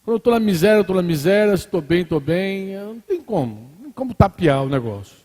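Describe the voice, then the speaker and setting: A middle-aged Brazilian man preaching a sermon as pastor, swinging between loud emphatic declarations and quiet confessional asides. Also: high voice, very animated, quick pace. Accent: Brazilian Portuguese. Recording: long hall reverb.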